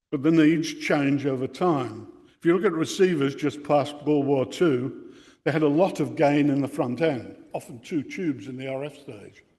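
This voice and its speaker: An amateur radio club speaker, an older man with an Australian accent, talks technical detail to radio enthusiasts. His voice is on the high side and warm. He's in an indoor meeting room with equipment on a bench, recorded with noticeable room reverberation.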